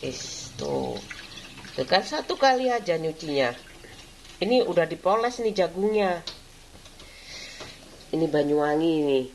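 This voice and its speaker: A woman's voice: lowish voice, sing-song, unhurried, long pauses, darkish tone, slight background noise. A middle-aged woman, chatting casually in a vlog, rambling and laughing often as she talks. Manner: rambling, frequent laughter, repeats "kayak gitu". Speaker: vlogger.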